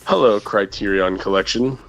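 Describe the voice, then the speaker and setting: A man's voice: on the low side, normal speed, fairly bright tone, faint music behind. A man co-hosting a casual gaming chat, rambling and thinking aloud as he talks. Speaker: co-host.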